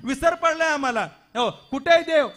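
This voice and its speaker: High, bright-voiced man preaching dramatically. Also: normal speed. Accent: Marathi. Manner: dramatic, rhetorical questions, repetitions. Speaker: kirtan preacher. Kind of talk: devotional kirtan sermon.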